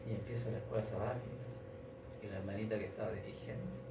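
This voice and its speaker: A man telling a story in a sermon, speaking haltingly and repeating himself with many restarts. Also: lowish voice, fairly even intonation, heavy background noise. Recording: echoey room, distant mic, audible ambience.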